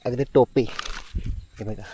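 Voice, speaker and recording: This casual foraging vlog features a Konkan man with a Marathi accent who strolls through forest and fields hunting wild mushrooms, repeatedly calling on viewers to look. His medium-pitched voice is warm and unhurried with fairly even intonation, over a slight hiss or hum.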